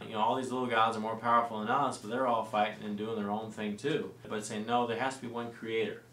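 A low-voiced man explaining church history. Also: quick pace. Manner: relaxed and explanatory, with frequent fillers and restarts. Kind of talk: explanatory studio discussion. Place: small studio set with lamp and plants. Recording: roomy and distant-sounding with faint noise.

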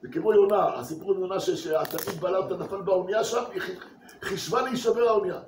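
High-voiced rabbi in an echoey synagogue. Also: male voice, slight background noise. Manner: animated, rhetorical questions, repeats words. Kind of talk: Torah class to a congregation. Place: synagogue hall. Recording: echoey room from a distance.

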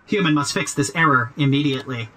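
A performer voicing a literal-minded, demanding robot baby in a video game, speaking in a robot voice with flat, clipped machine phrasing. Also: mid-range voice, fast, heavy background noise. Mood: deadpan robotic. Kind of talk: video game character dialogue.

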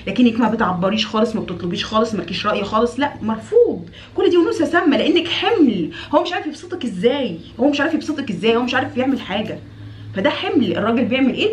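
Fast, animated Egyptian woman coach. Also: roomy sound, a little hiss or hum. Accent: Egyptian Arabic. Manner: animated, acts out quoted wives with big pitch jumps; direct, scolding, repeats phrases for emphasis. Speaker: relationship coach. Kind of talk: advice talk to women.

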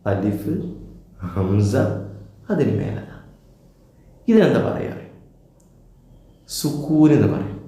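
A man's voice: mid-range voice, mellow. A man teaching young children their first letters, patiently asking questions and then answering them himself. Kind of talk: children's lesson. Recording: very echoey room.

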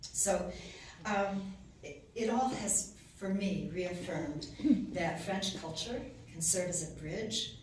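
At a podium in an ornate reception room, a woman gives an award acceptance speech in a fairly low voice, speaking slowly. The podium mic is captured from far off, so the audio is noisy and echoey, with the camera well away from her.

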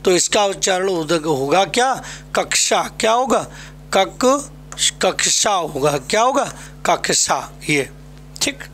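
Man, Uttar Pradesh accent, classroom teacher, repeats questions and answers, high voice, slow delivery. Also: lively intonation, a bit bright, slight background noise. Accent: Uttar Pradesh Hindi. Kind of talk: exam-prep classroom lesson.

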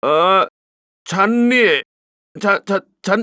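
A man voicing a greedy, self-centred male wolf in a dubbed cartoon, talking in a boastful, lively way. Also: slow, dry recording, clean studio sound. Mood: smug.

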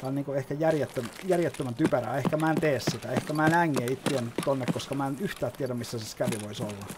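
A man talks his way through a match, explaining each move and swearing freely. His voice sits in a middling pitch, and loud game noise runs under everything he says. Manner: chatty, explains as he plays, swears often. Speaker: gaming YouTuber. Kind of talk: gameplay commentary.

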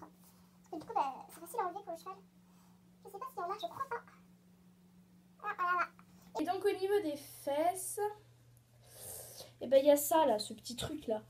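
A teenage girl chatting excitedly in a casual show-and-tell vlog, rambling with lots of hesitations and fillers. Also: high-pitched, slight background noise. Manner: excited, gushing. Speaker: horse-riding vlogger.

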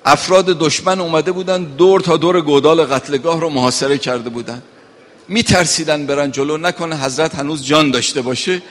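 A man's voice: a little high, a bit bright, long reverb tail. A man giving a mourning sermon, reciting Arabic passages and rising to impassioned cries. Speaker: cleric.

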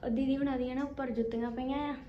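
A high-voiced woman talks casually to her family and viewers in a home vlog. She is chatty and repeats phrases for emphasis, with clear noise around her. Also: steady tone, fast, highs cut off. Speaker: family vlogger. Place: at home and on its open rooftop. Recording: noisy handheld home recording.

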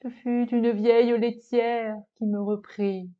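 A woman slowly reciting a French poem for learners with an expressive, lamenting delivery. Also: on the high side, dull audio. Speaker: poetry reader for language learners. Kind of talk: slow poetry recitation.

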